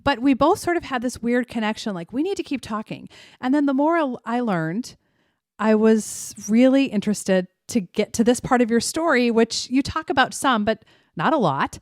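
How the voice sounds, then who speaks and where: A woman's voice: fairly high pitch, animated, moderate pace, no room sound, studio quality. Conversational woman podcast host. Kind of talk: podcast interview.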